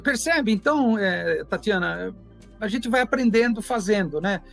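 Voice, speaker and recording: A Brazilian psychoanalyst with a high voice talks about his work and tells anecdotes. He acts out the dialogue he quotes. His voice comes through a video call with faint music in the background. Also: animated, normal speed, creaky. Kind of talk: conversational interview storytelling.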